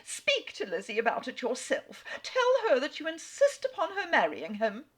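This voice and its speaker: A woman reading aloud as a shrill, excitable middle-aged mother in a frantic state. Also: moderate pace, exaggerated voice. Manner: frantic, breathless exclamations. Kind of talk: dramatic reading.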